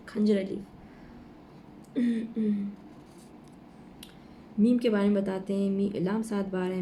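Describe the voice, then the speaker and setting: Lady teaching quran letters slow and patient, real dark flat voice, bit of hiss behind. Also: mid-range voice, gravelly. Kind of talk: informal religious lesson.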